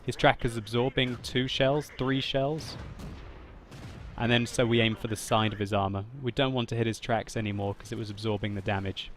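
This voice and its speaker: A man narrating his own tank battle gameplay as a voice-over commentary, laughing often and getting loud and excited at big moments. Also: mid-range voice, moderate pace, slight background noise. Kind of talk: video game commentary voice-over.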